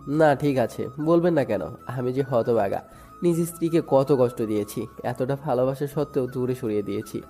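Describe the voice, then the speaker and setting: A man's voice: mid-range voice, normal speed, dark tone, soft background music. A man narrating a first-person dramatic story in a sorrowful, emotive way. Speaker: narrator and lead voice.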